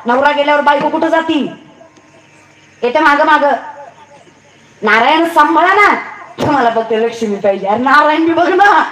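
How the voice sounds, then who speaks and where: High-voiced young woman preaching kirtan. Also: a bit bright. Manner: teasing, quizzes the crowd. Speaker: kirtan performer. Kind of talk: comic devotional sermon. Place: live stage before a crowd. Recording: echoey live event, clear noise.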